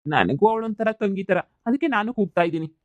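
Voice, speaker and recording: A woman voicing a loud, eager young man who flatters his friend in a cartoon comedy, with a dull lo-fi sound. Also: medium pitch, normal speed, dry recording, natural voice. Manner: loud, eager, mixing in English words.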